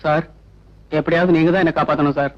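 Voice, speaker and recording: An actor playing a cocky young stage singer who fights, speaking with cool, teasing confidence in a film. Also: male voice, on the high side, fairly even intonation, quick pace, natural voice. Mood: sly. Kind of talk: 1990s film acting. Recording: dull film soundtrack with faint noise.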